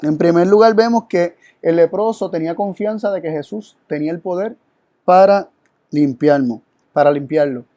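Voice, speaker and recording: Guy preaching a bible lesson, kinda high warm voice, earnest, dry close sound. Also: normal speed, no room sound. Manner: earnest and reflective, rhetorical questions. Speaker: Bible study presenter. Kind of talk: teaching sermon.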